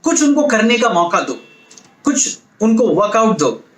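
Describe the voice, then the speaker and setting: A man's voice: high-pitched, very animated, a little slow, fairly bright tone, reverberant. A male business coach giving an emphatic motivational lecture, asking the audience rhetorical questions.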